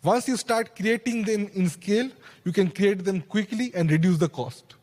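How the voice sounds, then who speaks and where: A young man speaks earnestly on a conference panel, working through his points with quick restarts and asides. His voice sits a little high, and the handheld mic picks up a long reverb from the big hall around him. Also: darkish tone. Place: large conference stage hall.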